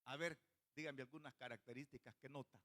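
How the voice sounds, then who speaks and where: A man's voice: mid-range voice, fairly even intonation, brisk, sharp tone. A male pastor preaching a sermon in church, often putting questions to the congregation.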